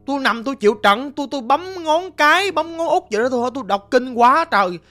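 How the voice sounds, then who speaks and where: A woman's voice: sits high, lively intonation, quick pace, a bit bright, soft background music. A woman with a Southern Vietnamese accent telling a ghost story in a casual, rambling way, often stammering and repeating words.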